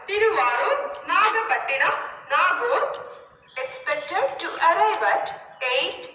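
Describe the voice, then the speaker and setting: A woman making a formal railway station announcement over a loudspeaker, reading train numbers and stops in a measured, evenly spaced way. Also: very high-pitched. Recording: distant echoey loudspeaker in a station, dull lo-fi, faint noise.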